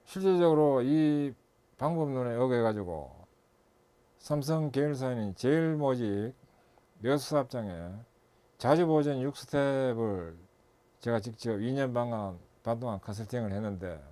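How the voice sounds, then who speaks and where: Man, middle-aged, instructor, methodical lecture, step-by-step, mid-pitched voice. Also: lively intonation, measured pace, long pauses, dark tone. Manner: methodical, lists steps with self-corrections. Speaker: instructor and consultant.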